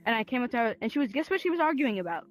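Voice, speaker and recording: Animated young woman telling stories. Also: on the high side, racing. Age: 20s. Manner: animated storytelling, acts out others' lines in mocking voices. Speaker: VRChat player. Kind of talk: casual chat. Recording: faint music behind.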